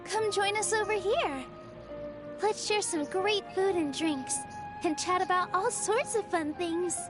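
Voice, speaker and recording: A woman voicing a gentle young female game character who welcomes guests to a feast. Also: extremely high pitch, a little slow. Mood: welcoming. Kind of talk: game voice acting. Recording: game audio with music.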